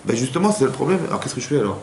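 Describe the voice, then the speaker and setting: Very fast and a little mellow, this rabbi's medium-pitched voice swings widely in pitch. He teaches women informally in a community hall, speaking conversationally with frequent repetitions and restarts while acting out quoted spouses. Echo and a faint hum are audible.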